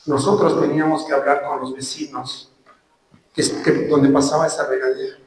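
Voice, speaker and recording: A man with a Mexican Spanish accent preaching a sermon and telling a personal testimony, slow and emphatic. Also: fairly high pitch, level tone, a little hiss or hum. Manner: earnest storytelling, slow emphatic phrases. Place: church hall. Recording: very echoey hall, from far off.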